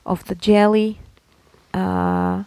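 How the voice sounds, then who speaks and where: A Slovak woman co-hosts a casual podcast in a very slow, flat, medium-pitched voice that is mellow and smooth, with vocal fry, on a dry recording. She explains things chattily and keeps checking that her listener follows.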